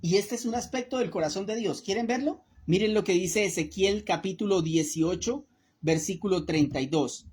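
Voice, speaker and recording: A woman's voice: mid-range voice, normal speed, a little mellow, breathy edge. A woman giving an earnest Bible study sermon, speaking to her listeners as brothers and asking them rhetorical questions. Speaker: Bible teacher.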